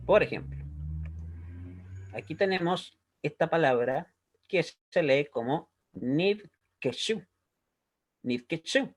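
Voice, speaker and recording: A man teaching a recorded language lesson, explaining step by step and checking in with a frequent "¿ya?". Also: medium pitch. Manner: patient, checks understanding with a frequent "¿ya?". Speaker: Hebrew teacher.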